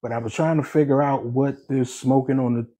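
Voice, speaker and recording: A man on a podcast telling a relaxed, self-mocking story. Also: mid-range voice, a little fast. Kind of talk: casual storytelling.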